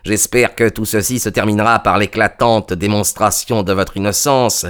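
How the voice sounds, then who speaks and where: A man doing a baffled police inspector in a mystery reading, cautious and hesitant. His tone stays close to the reader's own low, even voice. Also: moderate pace, clean tone, natural voice. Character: bewildered middle-aged police inspector.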